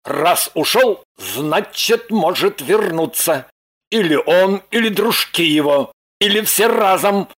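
A man's voice: sits high, expressive, slow, fairly bright tone, heavily acted. A man voicing a pushy, demanding man on the run in an audiobook, blunt and insistent. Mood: insistent, bossy. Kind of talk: audiobook character voice.

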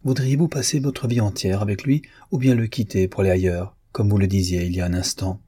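A man reading the part of a calm, tactful young woman musician in an audiobook, speaking with soft, patient coaxing. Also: fairly low pitch, fairly quick, slightly rough.

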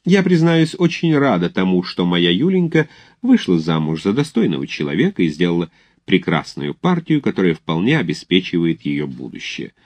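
A man voicing a flattering middle-aged society mother with an affected, gushing politeness, in a read-aloud story. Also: sits low, normal speed, heavily acted.

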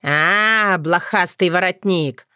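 A woman's voice: on the low side, takes it slowly, sharp tone, smooth, dry recording, clean studio sound. A woman voicing a playful, bossy old witch grandmother who talks in a teasing, folksy way.

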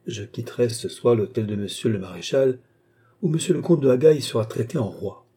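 A formal, stubborn butler answers with stiff deference in a dark, husky voice, as a male reader plays him. He stays polite but unyielding in this audiobook scene. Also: medium pitch, a little fast. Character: stiff, dignified male butler, middle-aged. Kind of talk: audiobook character reading.

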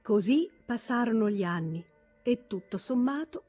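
A woman reading a classic novel aloud in a measured, expressive audiobook narration. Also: a little high, breathy edge, faint music behind. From Italy. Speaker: audiobook reader.

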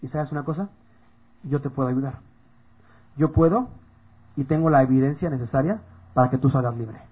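A man with a Mexican accent voicing Jesus as a calm, grave male judge who speaks slowly and quietly. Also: medium pitch, breathy edge, muffled recording, pitched below the performer's own voice, natural voice. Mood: solemn. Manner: slow, solemn, quiet.

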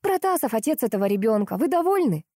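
A woman reading aloud plays an irritable young woman who bristles and answers with sarcasm. Her voice sits higher than the narration and carries a mellow warmth, recorded dry for an audiobook. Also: very animated, normal speed, no echo. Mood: irritated. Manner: grumbling, sarcastic.

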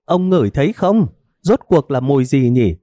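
A man's voice: mid-range voice, sing-song, moderate pace, dark tone, no room sound, studio quality, pitched above the performer's own voice, close to an everyday voice. A man voicing a hot-tempered middle-aged village wife who scolds and wails melodramatically in a storybook reading. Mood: alarmed.

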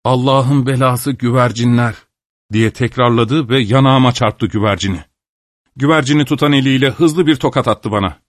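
An audiobook narrator, a man with a middle-pitched voice, tells a literary story in an even, measured manner. The recording is dry and close-miked, with no room sound at all.

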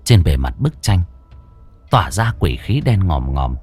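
A man narrating a horror story with a dramatic, expressive reading. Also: low-pitched, a little slow, slightly rough, faint music behind.

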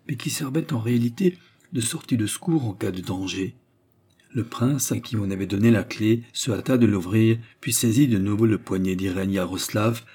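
Low, husky man narrating a novel. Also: mellow. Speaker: audiobook narrator.

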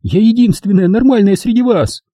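A nervous, excitable young woman, shrill and on edge, her lines pitched high with a lively, jumpy melody, as a male narrator puts her on. Under the raised pitch the voice keeps a husky, dark grain, recorded dry and close. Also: normal speed, no room sound. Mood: agitated.

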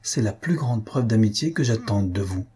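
A man reading a timid young woman who pleads and refuses in a raised, soft tone. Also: lowish voice, lively intonation, normal speed, slightly rough. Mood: pleading.

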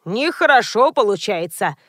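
A woman's voice: medium pitch, big pitch swings, normal speed, a bit bright, no room sound, clean studio sound. A woman reading aloud and voicing a stubborn old man who grumbles and nitpicks over details. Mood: grumbling. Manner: grumbling and pedantic.

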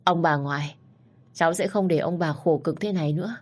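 A woman's voice: sits low, a little fast. A woman voicing a young man who politely and remorsefully apologizes to his grandparents in a storybook reading. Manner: polite, deferential.

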